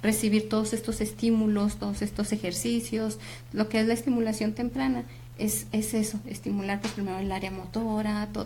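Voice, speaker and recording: A psychologist with a Mexican Spanish accent and a warm, mid-range voice appears as a guest on an explanatory talk show interview. She explains earnestly, using many fillers, with slight background noise.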